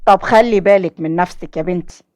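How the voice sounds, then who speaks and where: Gentle fatherly old driver with an Egyptian accent, as a woman reads him. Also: on the low side, fast talker, dry recording, clean studio sound, lightly acted. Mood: comforting. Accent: Egyptian Arabic. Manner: gentle, reassuring. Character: kind fatherly older male driver.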